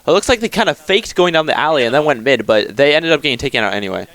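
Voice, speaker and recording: A man's voice: fairly high pitch, expressive, very fast, a bit bright, dry recording. A man giving casual, analytical color commentary on a live esports match.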